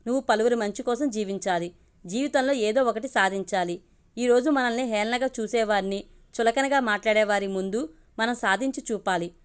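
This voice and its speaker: A woman's voice: a little high, smooth, lightly acted. A woman voicing a devoted single mother who speaks firmly and earnestly, in an audio storybook. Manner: firm, earnest.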